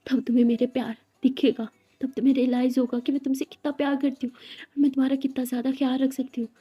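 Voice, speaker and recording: Woman acting as a loud obsessive female boss. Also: sits high, level tone, fast talker, breathy edge. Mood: scheming. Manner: loud ranting, voice rising.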